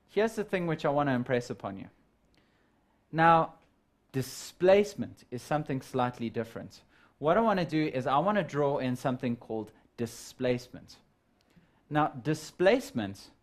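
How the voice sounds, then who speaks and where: A man teaching a live physical sciences lesson, walking students through measurements and calculations and calling them "guys". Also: on the high side. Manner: step-by-step explaining, addresses students as guys.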